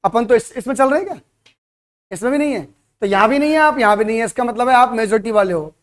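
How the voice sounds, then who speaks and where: High-voiced man lecturing students. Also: fast. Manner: lecturing with frequent rhetorical questions to the class. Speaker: coaching teacher. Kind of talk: motivational classroom talk to students.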